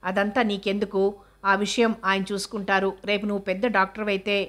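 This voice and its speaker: A woman's voice: medium pitch, level tone, a little fast, a bit bright, close to an everyday voice. A stern, protective elder sister, young and married, as a woman reads her part. She scolds firmly and steadily, in a level voice with little rise and fall.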